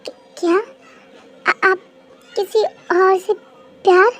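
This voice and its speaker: Shy, tearful student girl, stammering, very high voice, played by a high-voiced reader; fan-dub drama. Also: steady tone, slow pace, a bit bright, exaggerated voice. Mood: shocked. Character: tearful shy young female college student.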